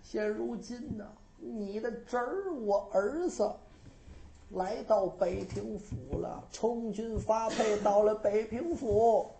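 A storyteller voicing the soft, pleading ghost of an older brother in a traditional storytelling performance, slow and hushed. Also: medium pitch, vocal fry, reverberant, a little hiss or hum, low-quality recording.

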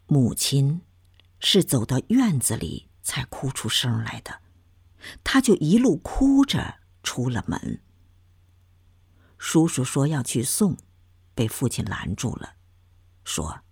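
A woman narrating a memoir story in a soft, hushed manner, often dropping to a whisper. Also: deep voice, husky, dry recording, clean studio sound.

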